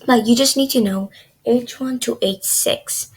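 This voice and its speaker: Young woman, kinda husky and gravelly, rambly coding tutorial talk with lots of likes and ums. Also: on the high side, measured pace. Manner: chatty, filler-heavy, says "like" a lot. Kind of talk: casual screen-recorded coding lesson.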